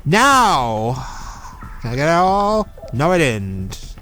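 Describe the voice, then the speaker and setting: High-voiced let's play host. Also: male voice, big pitch swings, takes it slowly, bright, forceful tone. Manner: chatty, gives strategy tips, self-correcting. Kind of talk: casual game commentary.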